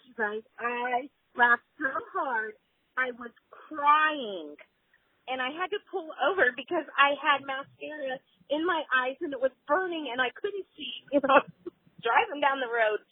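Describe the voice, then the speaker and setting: A woman with a high, slightly husky voice leaves a chatty, gushing voicemail, heard over a phone line. The sound is thin and tinny, like a recorded phone message. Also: no echo. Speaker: caller leaving a voicemail.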